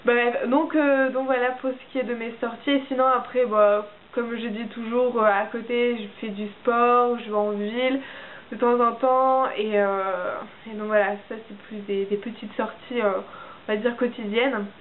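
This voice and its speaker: Young French woman, au pair vlogger, higher voice, hesitant delivery; tinny lo-fi recording. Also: fairly even intonation, moderate pace. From France. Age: young adult. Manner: hesitant, many fillers and restarts. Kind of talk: casual monthly update vlog. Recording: tinny phone-like audio with faint hiss.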